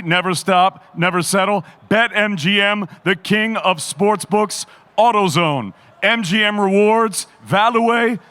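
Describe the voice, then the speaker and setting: A man announcing fights theatrically as the host of a boxing weigh-in, with booming, drawn-out calls like a lucha libre announcer. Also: fairly bright tone, clear, resonant tone.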